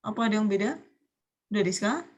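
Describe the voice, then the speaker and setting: A woman's voice: medium pitch, lively intonation, fast talker. A woman teaching vocabulary on a video call, patient and explanatory. She keeps asking her students questions and weaves Japanese words into her talk. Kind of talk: online vocabulary lesson.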